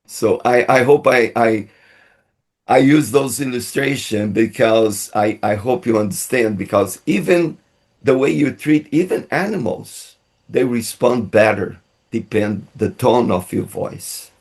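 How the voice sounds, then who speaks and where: A man giving a teaching talk in a webinar through an interpreter, halting and restarting often, on a video call. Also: medium pitch, animated, gravelly, husky. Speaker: guest speaker and missionary.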